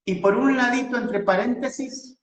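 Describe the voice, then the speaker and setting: A man's voice: extremely high pitch, normal speed, roomy sound, a little hiss or hum, poor audio. A man giving a verse-by-verse scripture lesson, methodically telling his listeners which words to underline and circle. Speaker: Bible teacher.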